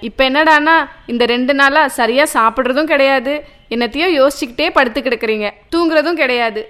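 A woman's voice: brisk, bright, forceful tone. A woman playing a wife who scolds her husband for drinking, in a radio drama. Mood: suspicious. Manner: shrill, scolding, wailing.

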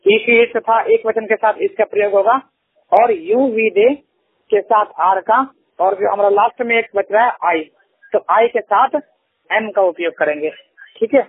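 Man, English teacher, high voice, very husky, step-by-step grammar lesson, tinny phone line. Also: unhurried, no room sound. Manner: explains step by step, often checks with "okay".

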